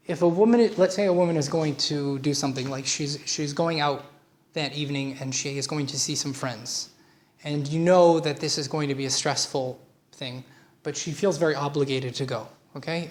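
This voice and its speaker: A man's voice: a little high, slight background noise. A man leading a relationship workshop, talking informally with personal stories and asides. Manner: chatty lecturing with personal anecdotes and asides. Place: workshop room at a community centre. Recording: roomy room recording.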